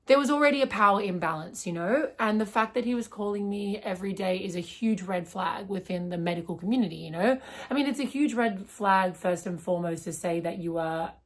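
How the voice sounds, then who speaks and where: A woman's voice: medium pitch, fairly quick. A young woman in her twenties with an Australian accent, telling a personal story in a casual, rambling way, full of "like" and "um". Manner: rambling, heavy use of "like" and "um".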